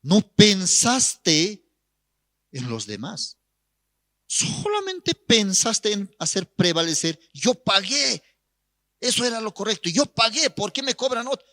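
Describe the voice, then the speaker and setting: A man's voice: sits high, sing-song, very slow, pushed and bright, dry recording, pitched above the performer's own voice, heavily acted. A man voicing a blunt pastor who sternly rebukes a man in a sermon story. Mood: rebuking.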